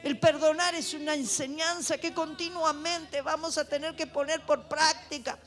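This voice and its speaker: A woman preaching a fervent sermon in church, building to shouted exhortations. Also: high-pitched, fairly even intonation, moderate pace. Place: church sanctuary.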